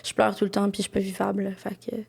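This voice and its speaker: A young woman with a Quebec French accent talks casually as a podcast guest. Her voice has a gravelly fry at mid pitch. Her speech rambles along, full of small fillers and asides. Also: completely flat delivery, racing. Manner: chatty, lots of fillers like "là" and "tu sais". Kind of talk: casual interview chat.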